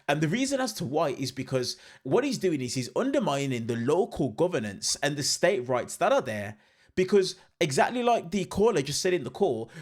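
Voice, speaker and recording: A man hosting a commentary channel, explaining political context casually and stressing his points. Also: fairly high pitch.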